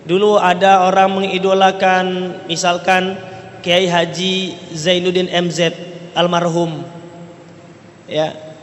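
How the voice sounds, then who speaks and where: A high-pitched Islamic preacher with little pitch movement speaks slowly and leaves long pauses, his Indonesian carrying a Riau Malay tinge. He poses rhetorical questions to the congregation and checks in with them often. There's slight background noise and a long large-hall reverb.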